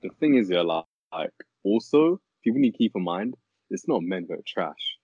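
A man's voice: low-pitched, sing-song, moderate pace, mellow, no room sound, lo-fi sound. A young man with a London roadman accent trading casual, slang-heavy banter as a podcast panelist.

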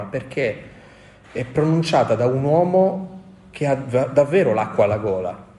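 A man delivers a sermon in a roomy, echoing church at a mid-range pitch. His preaching is impassioned, swelling to emphatic high points and then dropping low, and he briefly acts out the voices he quotes. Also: warm tone. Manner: impassioned, rising to emphatic peaks, quoting voices. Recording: echoey room.

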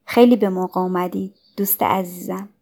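Woman reading as a sick young girl, gentle and soft, calm and kind. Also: mid-range voice, vocal fry.

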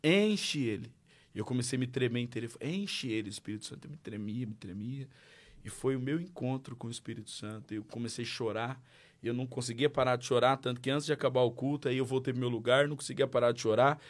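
A man's voice: mid-range voice, rapid-fire. Brazilian man telling his story. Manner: lively storyteller acting out dialogue. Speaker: guest. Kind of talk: casual testimony.

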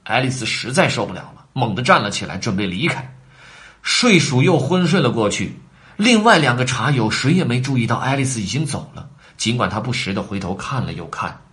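A man reading a children's story aloud in an animated way, talking to the children between lines. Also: medium pitch, brisk.

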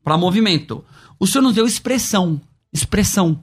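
A bishop with a Brazilian accent argues in a debate with a high, bright-pitched voice. He drives his point home with emphatic, sermon-style repetition. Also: very animated, fairly quick, slightly rough. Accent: Brazilian Portuguese. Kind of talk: debate on worship.

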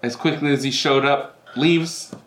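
GM type, relaxed man in a roomy space, faint hiss behind. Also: mid-range voice, measured pace. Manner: easygoing, laughs often. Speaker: game master. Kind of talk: narrating a tabletop game. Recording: roomy with faint background noise.

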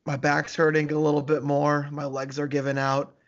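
Male podcast co-host, mid-twenties, hoarse smoker's rasp with gravelly fry, loose conversational delivery, slightly muffled sound. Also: a little high, completely flat delivery, moderate pace, a bit bright. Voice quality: smoker's rasp, voice prone to cracking. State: hoarse from a lost voice. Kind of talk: casual chat.

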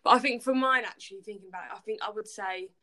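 A woman's voice: medium pitch, fast talker, sharp tone. A young woman, co-hosting a podcast, blunt and rambling, with lots of "like" and some swearing. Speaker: podcast co-host. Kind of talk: casual chat.

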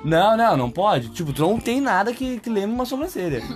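A man's voice: sits high, big pitch swings, quick pace, faint music behind. A young Brazilian man hosting a casual podcast, telling a story with teasing energy and playful voices. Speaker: podcast host.

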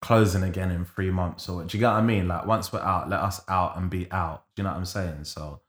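A man with a London roadman accent talks in a fairly low voice. He chats casually in street slang as a podcast co-host. The recording has a clear room echo. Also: steady tone, fairly quick. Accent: London, urban street slang style. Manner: slangy, street-style talk. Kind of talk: casual chat. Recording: echoey room.

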